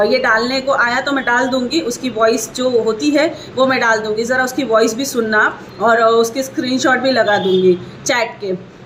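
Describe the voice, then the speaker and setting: High-voiced woman ranting indignantly. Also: slight background noise. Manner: indignant, ranting, repeats points. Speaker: online seller and vlogger. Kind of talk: angry complaint vlog.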